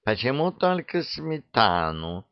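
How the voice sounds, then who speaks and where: A man's voice: medium pitch, sing-song, slow pace, no room sound. A man voicing a greedy, boastful male talking cat with an indignant, wheedling manner, on a dry, dull recording.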